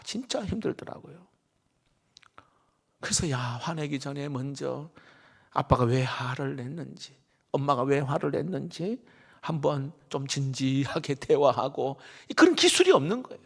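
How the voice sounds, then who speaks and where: A middle-aged male pastor, preaching a sermon emphatically and swinging between loud stresses and hushed, half-whispered asides. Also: fairly high pitch, sing-song, measured pace, creaky. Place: church sanctuary. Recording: reverberant church sanctuary.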